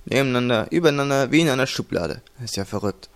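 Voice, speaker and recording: A naive, wide-eyed village lad who stumbles over his words, as a man puts him on. His voice drops lower and softer than the narrator's. He sounds amazed and unsure. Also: expressive, quick pace, lightly acted. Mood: wondering. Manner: amazed, hesitant.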